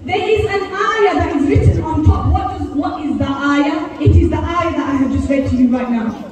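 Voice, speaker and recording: A woman gives an earnest religious talk, throwing questions at her gathered listeners. Her voice sits high and mellow. It rings through a very echoey hall, picked up from well back from the mic. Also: normal speed, distant mic, soft background music, some chatter behind. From Bradford, England. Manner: earnest, keeps questioning the audience. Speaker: Islamic teacher.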